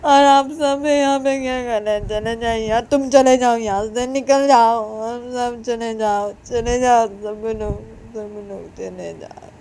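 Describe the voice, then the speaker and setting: A woman's voice: lively intonation, normal speed, few pauses, mellow. A woman playing a sobbing, furious young woman. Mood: angry. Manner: sobbing, shrill and pleading. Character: tearful angry young woman.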